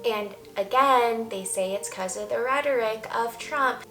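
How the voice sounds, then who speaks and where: Her voice a little high and her pace measured, a woman vlogs casually, voicing strong, candid opinions straight to camera. The recording has a roomy echo and soft, faint background music.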